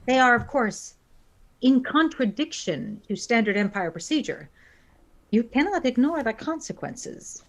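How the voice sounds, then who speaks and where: A woman plays a cold, logical alien first officer in a science fiction audio drama, her voice fairly high and sing-song. She speaks formally, measured and precisely worded, in a coolly threatening mood.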